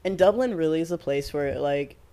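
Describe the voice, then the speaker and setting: Podcast co-host, twenties, mid-pitched, laughing storyteller. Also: fairly quick, mellow, smooth. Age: 20s. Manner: laughs often while telling stories. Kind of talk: casual storytelling chat.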